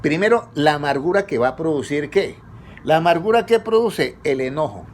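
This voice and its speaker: A man preaching conversationally, asking his congregation questions and letting them answer, his pitch rising on each question. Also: animated, normal speed, slight background noise. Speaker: pastor leading a Bible study. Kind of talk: conversational sermon.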